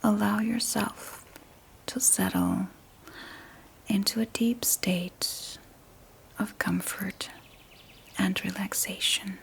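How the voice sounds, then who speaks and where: Guiding a sleep meditation, a woman whispers in a gentle, breathy ASMR style, with short phrases and long pauses between them. Her voice is medium-pitched, soothing, and steady in tone.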